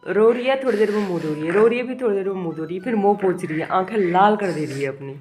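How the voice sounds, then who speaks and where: A young mother films a casual vlog at home, talking very fast in an expressive, medium-pitched voice while music plays behind her. Her child is crying, and she fondly scolds them now and then. She has a bad headache.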